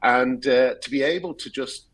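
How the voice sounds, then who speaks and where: A man co-hosting a podcast in casual, chatty style, with a slightly husky voice and the hallway echo of a large room. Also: medium pitch, normal speed, fairly bright tone. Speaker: podcast co-host. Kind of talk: casual chat. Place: large echoey room in new flat. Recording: echoey large empty room.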